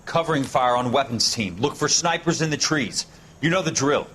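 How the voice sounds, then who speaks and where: An actor playing a decisive Marine squad leader giving clipped, commanding orders in a war video game. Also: male voice, medium pitch, moderate pace, a bit bright, slight background noise, close to an everyday voice.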